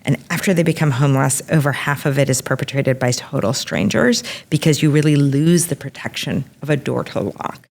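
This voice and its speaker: A woman physician explaining things in a measured, careful way during an expert interview. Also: a bass voice, lively intonation, creaky, a little mellow.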